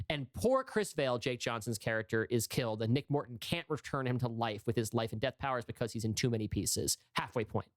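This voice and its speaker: A man's voice: mid-range voice, dry recording. A man co-hosting a podcast, casually recapping a story. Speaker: podcast co-host.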